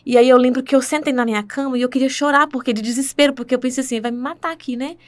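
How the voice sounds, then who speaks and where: A woman's voice: high-pitched, steady tone, very fast. A woman with a Brazilian Portuguese accent telling her faith testimony in conversation, earnest and full of tag questions.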